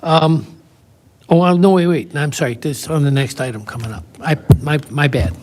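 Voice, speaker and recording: A man with a fairly high voice speaks as a village trustee. He raises his question hesitantly, apologizing and starting over. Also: normal speed, very noisy. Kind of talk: remarks at a public meeting.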